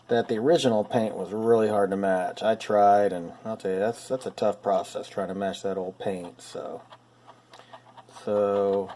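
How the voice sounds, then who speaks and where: A man's voice: fairly low pitch, warm tone, a little hiss or hum. Chatty man showing his model cars. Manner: chatty, self-deprecating, wry. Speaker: hobbyist channel host. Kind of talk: casual workshop vlog.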